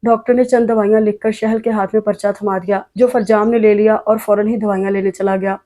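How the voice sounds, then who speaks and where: A woman reading a romance novel aloud as narrator, in a measured, even way. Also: mid-range voice. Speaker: audiobook narrator.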